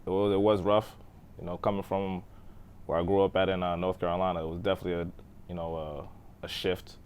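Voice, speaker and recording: This guest on an interview podcast, a man in his thirties born in Texas and raised in Boston, chats casually about his childhood with many fillers and a trailing voice. He speaks low and briskly with little pitch movement and a slightly mellow tone, over slight background noise.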